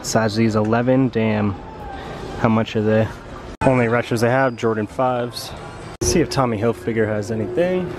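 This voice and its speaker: A young man vlogging as he walks through mall stores with a handheld camera, talking in an excited, hyped sneakerhead way. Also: mid-range voice, normal speed, over loud music. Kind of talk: casual shopping vlog. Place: large indoor retail stores at a mall.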